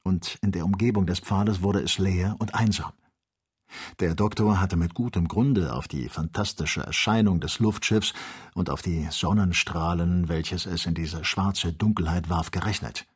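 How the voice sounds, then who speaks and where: A man reading an adventure novel aloud as an audiobook, with measured, expressive storytelling. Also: sits low, husky. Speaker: audiobook reader. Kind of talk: scripted audiobook narration.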